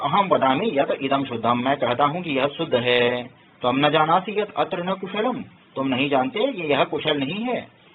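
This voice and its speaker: A male teacher giving a patient grammar lesson, explaining word by word and often checking that students follow. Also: mid-range voice. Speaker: Sanskrit teacher. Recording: tinny phone-like sound, faint hiss.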